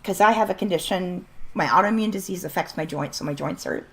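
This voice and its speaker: Here a woman with a fairly low voice speaks at a fairly quick clip. It's relaxed, blunt livestream banter over gameplay, full of laughter, and her voice is starting to give out.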